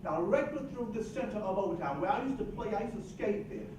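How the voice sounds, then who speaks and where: An older man from Georgia speaks passionately and indignantly as a participant in a roundtable panel discussion. His voice is high, with lively intonation and a quick pace. A distant mic captures him in an echoey, noisy room.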